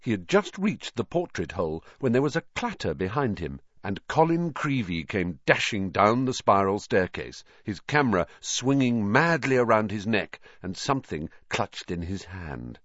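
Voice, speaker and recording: A man reading an audiobook in scripted narration, expressive and voicing the characters. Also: lowish voice, moderate pace, hardly any pauses, dry recording, highs cut off.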